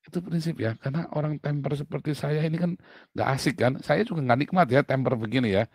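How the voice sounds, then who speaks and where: A middle-aged man preaching a sermon as a pastor, blunt and animated, joking and laughing with his listeners. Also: on the high side, fast talker, breathy edge, no room sound, low-quality recording.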